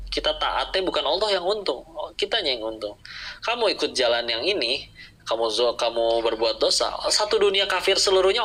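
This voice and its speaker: A man's voice: medium pitch, bright, forceful tone, low-quality recording. A man preaching a sermon to a live audience, asking questions and answering them himself, acting out little dialogues.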